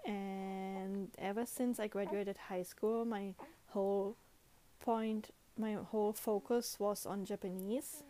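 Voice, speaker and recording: Taking it slowly in a steady, mellow, mid-range voice, this podcast host chats through a casual monologue. She's young, speaks English non-natively with a German accent, and keeps correcting herself and restarting sentences.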